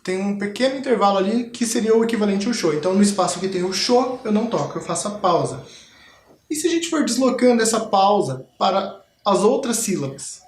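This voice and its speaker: A man's voice: high voice, animated, brisk, reverberant, slight background noise. A Brazilian Portuguese-speaking man teaching a school rhythm lesson, explaining patiently and demonstrating body percussion.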